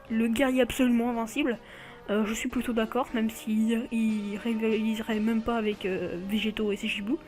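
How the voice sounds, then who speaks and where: Chatty woman with a fairly high voice. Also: darkish tone. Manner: chatty, often corrects herself mid-sentence. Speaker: video host. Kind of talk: casual mobile game card showcase.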